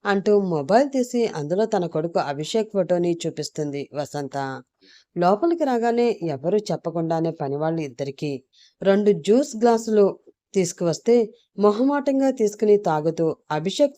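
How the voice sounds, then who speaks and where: A woman narrating a scripted audio story in a calm, even storytelling manner. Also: on the low side, moderate pace, dry recording.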